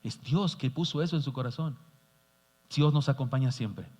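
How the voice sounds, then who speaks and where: A man preaching a sermon as pastor, telling a story in an earnest, animated way. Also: mid-range voice, moderate pace. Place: church sanctuary. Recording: dull sound, long church reverb.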